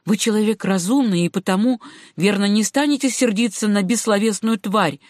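A woman's voice: medium pitch, moderate pace, darkish tone, no room sound, clean studio sound, natural voice. A woman reading an audiobook and voicing a good-natured young male farmer and hunter who talks on in a folksy, apologetic way.

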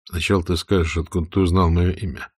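A man voicing a calm, quiet spy who answers with cold contempt. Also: quick pace, breathy edge. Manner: quiet, low, near-whispered.

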